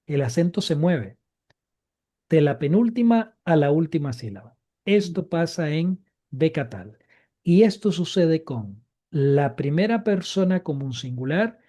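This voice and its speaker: A man with a mellow voice on the high side teaches a live class on Biblical Hebrew grammar. He explains patiently and repeats every key point.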